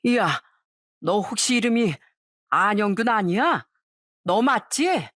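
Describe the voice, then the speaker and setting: A woman's voice: mid-range voice, lively intonation, slow, a bit bright, no room sound, studio quality. A woman voicing an older retired male detective who taunts and interrogates a former con man. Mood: mocking scolding.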